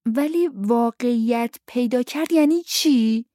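A woman putting on a persistent young boy who keeps pressing his questions. His voice is raised in pitch and pushes louder. The sound is close and dry. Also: no echo, lightly acted. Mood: insistent. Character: insistent young boy pestering his father.

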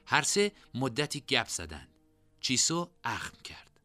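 A man narrating a novel in an expressive storytelling manner. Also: medium pitch, dry recording, soft background music.

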